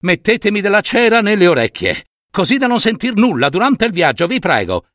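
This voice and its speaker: A man's voice: high voice, very animated, fairly quick, fairly bright tone, no room sound, studio quality, pitched above the performer's own voice. A man putting on a determined fairy-tale queen. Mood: pleading.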